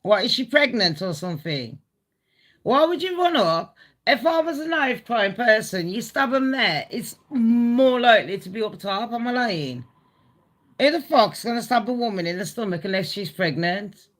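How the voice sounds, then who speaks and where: A woman's voice: a little high, lively intonation, moderate pace. Blunt, sweary woman hosting gossip. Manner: blunt, sweary, talks to viewers directly. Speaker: gossip channel host. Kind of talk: casual live commentary.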